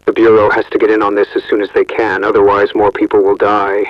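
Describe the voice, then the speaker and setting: A man's voice: on the low side, completely flat delivery, quick pace, lo-fi sound, a little hiss or hum, close to an everyday voice. A man playing a grim, disgusted investigator logging findings in found-footage horror.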